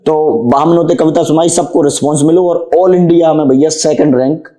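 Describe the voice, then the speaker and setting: A young man being interviewed as a poet, who talks fast and recites his verse in a rhythmic, declaiming way. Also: a little high, warm tone. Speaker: poet guest. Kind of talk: casual interview chat with poetry recitation.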